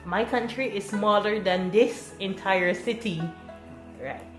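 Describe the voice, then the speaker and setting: A woman's voice: mid-range voice, unhurried, reverberant, music in the background, poor audio. A woman from Barbados leading a chatty, encouraging classroom discussion with her students. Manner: chatty, encouraging, laughs often. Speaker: teacher.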